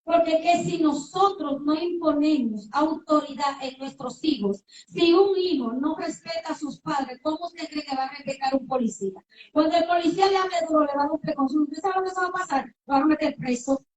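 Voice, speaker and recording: A woman's voice: sits high, fairly quick. A woman preacher giving a sermon. She speaks emphatically, asks rhetorical questions and acts out little dialogues. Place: church sanctuary. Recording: echoey room, voice from far off the mic.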